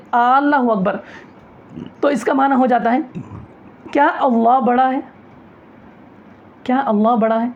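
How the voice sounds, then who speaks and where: A woman's voice: a little high, darkish tone, lo-fi sound. A woman teaching a religious class, repeating points and answering her own rhetorical questions. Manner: rhetorical questions answered herself, repetitive and earnest. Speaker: Quran recitation teacher.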